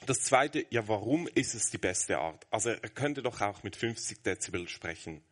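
A man in his thirties preaching a sermon, earnest, moving between brisk explanation and a soft, hushed near-whisper. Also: fairly low pitch, expressive.

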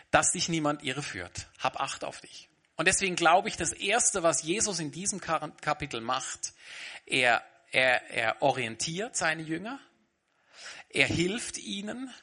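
A man's voice: medium pitch, sharp tone, husky. A man preaching a sermon, talking earnestly and straight to his congregation. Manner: earnest, addresses congregation directly. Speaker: pastor.

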